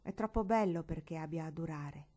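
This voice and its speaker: A woman's voice: deep voice, normal speed, mellow. A woman voicing a gloomy, defiant, skeptical little girl, in a storybook reading. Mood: sullen.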